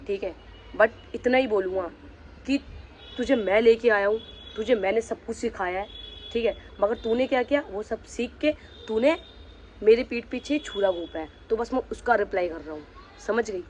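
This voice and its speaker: A man's voice: high voice, normal speed, slight background noise. Angry young man ranting in a vlog. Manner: heated, confrontational, addressing someone directly. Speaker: vlogger.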